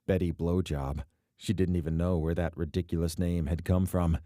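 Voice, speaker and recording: A man reading a romance novel aloud as narrator, steady and even, close to the mic. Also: low voice, normal speed, no echo. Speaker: audiobook narrator. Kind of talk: scripted narration.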